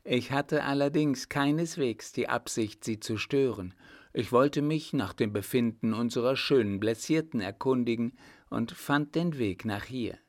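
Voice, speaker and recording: A man's voice: mid-range voice, a little slow, no echo, studio quality, close to an everyday voice. A man reading the lines of a flustered, deferential young baron in an audiobook. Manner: stammering, deferential.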